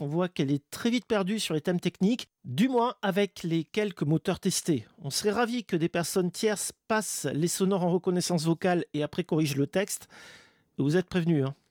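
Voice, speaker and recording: High-pitched male radio presenter, dry sound. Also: darkish tone, no echo. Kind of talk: semi-scripted radio chronicle.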